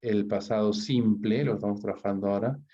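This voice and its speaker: A Peruvian man teaching an exam-prep English lesson, who explains step by step, keeps checking in with his students and reads his English example sentences slowly. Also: fairly low pitch, steady tone, dark tone, muffled recording. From Peru. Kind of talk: online exam-prep lecture.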